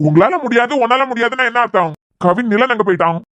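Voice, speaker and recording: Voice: medium pitch, fast talker, a bit bright, no room sound, close to an everyday voice. A man voicing a stern middle-aged father in a cartoon series, pressing impatiently for answers in a Kanyakumari Tamil accent. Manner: impatient, demanding, pressing questions. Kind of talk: cartoon voice acting.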